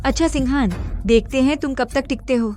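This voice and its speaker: A woman's voice: high-pitched, fairly quick, dark tone, faint music behind, natural voice. An actress playing a proud businesswoman who pleads with and scolds her estranged husband, in a dubbed short drama. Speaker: wife.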